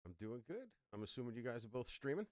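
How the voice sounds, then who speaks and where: A man co-hosting a live stream, greeting viewers by name and giving shout-outs in an upbeat, casual way. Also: medium pitch, very animated, fast, no room sound, clean studio sound. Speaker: stream co-host.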